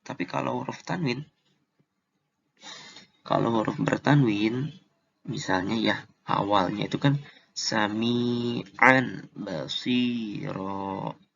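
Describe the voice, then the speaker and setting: A man teaching Quran recitation rules in a casual lesson, slow and deliberate, drawing out the recited examples. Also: fairly low pitch, creaky, a bit bright, muffled recording.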